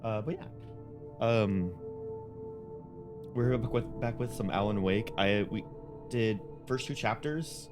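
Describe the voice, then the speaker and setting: A man's voice: fairly low pitch, takes it slowly, long pauses, music in the background. A man hosting a casual let's play, talking carefully with a sore jaw and a mouth that does not fully open. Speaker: gaming channel host.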